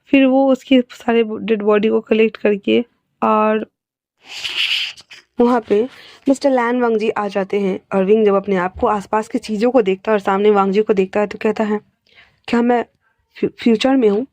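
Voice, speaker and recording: Mellow-voiced woman narrating a story. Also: medium pitch, fairly even intonation, normal speed. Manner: chatty, with fillers and asides.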